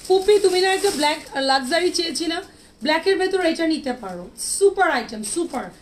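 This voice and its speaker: A woman's voice: extremely high pitch, slight background noise. A woman hosting a live clothing sale, chatting casually and answering viewer comments while showing dresses. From Bangladesh. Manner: chatty, reads out and answers viewer comments, mixes in English words. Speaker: online boutique seller hosting a live sale. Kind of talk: live-stream sales chat.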